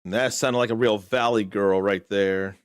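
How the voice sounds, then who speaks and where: A man's voice: lowish voice, fairly even intonation, unhurried, clear, resonant tone. A man casually commenting while playing a video game, laid-back and muttering asides. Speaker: gaming streamer. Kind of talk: casual let's-play commentary.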